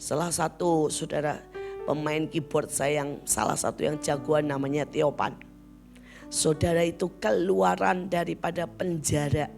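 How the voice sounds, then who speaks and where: A woman preacher with a low-set voice and a rough, gravelly edge gives a storytelling sermon. She keeps turning to her congregation as brothers and sisters and brings the people in her stories to life as she quotes them. A guitar plays faintly behind her. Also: fairly even intonation, a little slow, a little mellow. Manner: addresses listeners as "saudara" again and again.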